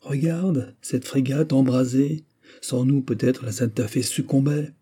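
A man's voice: medium pitch, steady tone, a little slow, mellow, slightly rough, voice pushed up. A man voicing a dashing young naval captain who pleads fervently with his beloved, in a storybook reading. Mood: enthusiastic.

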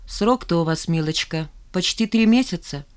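A woman reader voicing a brisk middle-aged female doctor with a cool, patronizing manner. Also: on the low side, expressive, a little mellow, natural voice. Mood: cold. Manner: smiling then cold, patronizing.

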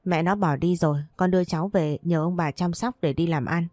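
A woman's voice: fairly low pitch, fairly quick, darkish tone, no echo, clean studio sound, close to an everyday voice. Woman reading as an easygoing young man.

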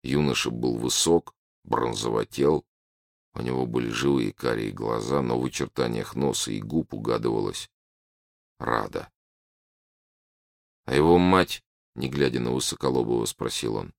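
A man narrating an audiobook in a measured storytelling manner. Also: a bass voice, fairly even intonation, creaky, dry recording, clean studio sound. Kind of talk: scripted narration.

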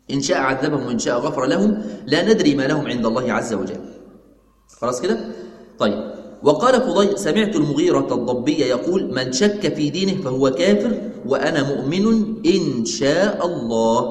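A man's voice: a little high, a little mellow. A man with an Egyptian Arabic accent teaching a religious lesson, asking his class questions and answering them himself, repeating the key points. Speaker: sheikh teaching a religious text. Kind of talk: religious lesson explaining a text. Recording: echoey hall.

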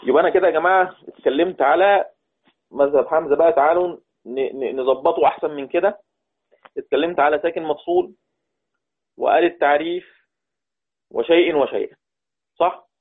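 A man teaching a class with an Egyptian Arabic accent, repeating points slowly and asking the students questions. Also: fairly high pitch, husky. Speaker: Quran recitation teacher. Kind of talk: classroom lesson. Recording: tinny phone-like audio.

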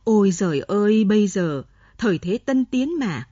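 Woman narrator playing a stern, sharp-tongued older mother from a storybook; mellow, husky voice, dull dry recording. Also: mid-range voice, very animated, moderate pace, no room sound. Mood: exasperated. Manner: sharp, scolding. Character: stern proud older mother, quick to scold.

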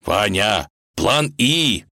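A man voicing a loyal, flustered talking grey wolf in a storybook reading, hurried in manner. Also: fairly low pitch, expressive, creaky, sharp tone, no room sound, studio quality, pitched above the performer's own voice, heavily acted.

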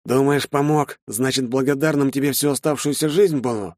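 A man's voice: on the high side, animated, a little fast, a little mellow, no room sound, clean studio sound, voice pushed up. A man doing a spiteful young recruit. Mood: menacing. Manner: whiny, then hissing threats through teeth. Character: young male brawling recruit, surly and spiteful. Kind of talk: audiobook character voice.

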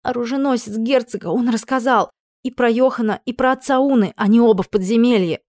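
A woman's voice: a little high, fast, a little mellow, no room sound, clean studio sound, voice pushed up, lightly acted. A woman voicing a young, impudent lady-in-waiting who breaks into breathless, pleading outbursts. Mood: urgent.

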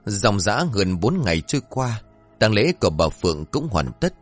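A male storyteller with a lowish voice reads a scripted ghost story. His delivery is dramatic, rising and falling widely, with faint music under the narration. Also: sing-song, moderate pace.

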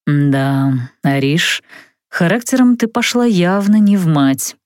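Smug young man mage, calm and teasing, lowered and lively, as a woman reader puts him on, dry close sound. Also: takes it slowly, dry recording. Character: mocking, smug young male blond mage. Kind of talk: audiobook character voice.

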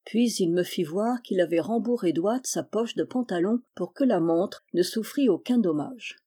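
A woman narrating a novel in an audiobook reading. Her storytelling is steady and measured, at a middle pitch with a mellow, warm tone. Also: slightly rough. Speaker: audiobook reader.

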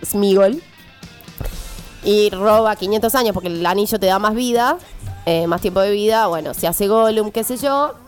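A young woman with a Rioplatense Spanish accent, a film columnist on a casual radio show, telling a story with animated energy and frequent laughs. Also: medium pitch, moderate pace, faint music behind.

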